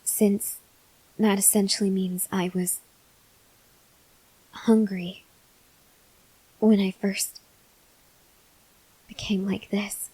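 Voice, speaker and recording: Weary and desperate, a weak female vampire researcher faint with hunger pleads gently and earnestly in an acted ASMR monologue to the listener. The voice actor speaks softly and haltingly, slowly, with long pauses and often in a whisper; her mid-range, husky voice barely moves in pitch, captured in poor audio with no echo.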